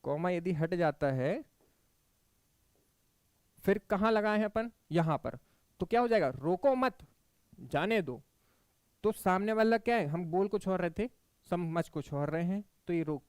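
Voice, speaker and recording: A man from Madhya Pradesh giving an exam-prep Hindi grammar lecture, explaining step by step, checking in often and reciting verse examples slowly. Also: high voice, a little mellow, clean tone, no echo. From Madhya Pradesh, India. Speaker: teacher.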